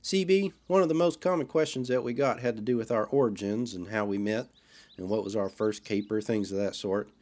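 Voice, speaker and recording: A man's voice: lowish voice, brisk, darkish tone, close to an everyday voice. A man playing Mullet, a folksy wisecracking sidekick. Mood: teasing. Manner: folksy, teasing, swaggering. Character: brash wisecracking male hero sidekick. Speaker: podcast host.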